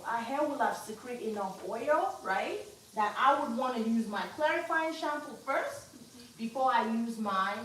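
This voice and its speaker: A woman hair care instructor teaching a live hands-on demonstration at a salon wash sink, chatty and coaching. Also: on the high side. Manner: coaching, chatty, turns loud and upbeat when excited. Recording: very echoey room, distant mic, faint noise.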